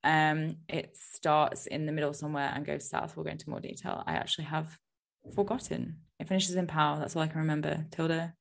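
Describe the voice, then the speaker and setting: A woman's voice: deep voice, little pitch movement, brisk, creaky. A woman hosting a podcast in casual chat, chatty and self-deprecating, with plenty of ums. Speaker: podcast host.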